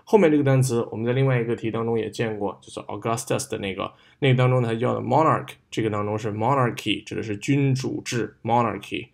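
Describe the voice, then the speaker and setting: A man's voice: mid-range voice, vocal fry. Patient bilingual male tutor. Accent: Mandarin Chinese. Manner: explains words patiently, switches between Chinese and English, models stress and pauses. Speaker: English exam tutor. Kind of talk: recorded lesson explaining a reading passage.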